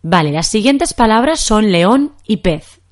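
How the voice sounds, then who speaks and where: A woman's voice: medium pitch, sing-song, unhurried. A young woman from Spain with a Castilian accent, teaching Spanish in a podcast lesson and explaining patiently with examples.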